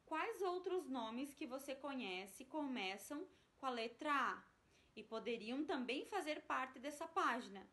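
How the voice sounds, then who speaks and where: A woman teacher from Brazil with a slightly raised pitch explains each exercise step by step. She talks to young pupils patiently and stops often to check they follow. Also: expressive, a little slow, a bit bright.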